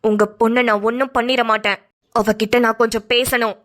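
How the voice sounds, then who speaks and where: A woman's voice: on the high side, level tone, a little fast, a bit bright. A woman voicing an angry middle-aged cartoon mother who scolds and accuses while hunting for her son. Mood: stern. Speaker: cartoon voice artist.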